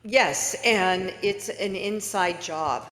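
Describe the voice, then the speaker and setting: A woman speaks earnestly as a podcast guest, coaching the listener and urging them on. Her voice sits at a middle pitch. It carries a long, roomy reverb. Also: takes it slowly, a bit bright, slight background noise. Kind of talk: casual interview talk.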